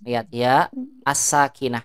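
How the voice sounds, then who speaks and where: A woman teaching an Arabic class. She drills words slowly, stretching the long vowels, and asks the class check questions. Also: a bass voice, fairly even intonation, a crowd in the background.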